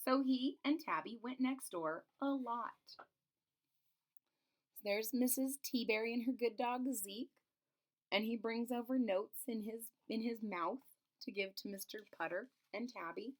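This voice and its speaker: This is a storybook read-aloud with asides: a woman voices a children's picture book expressively and slips in simple, teacher-like explanations. She speaks on the high side and keeps a measured pace.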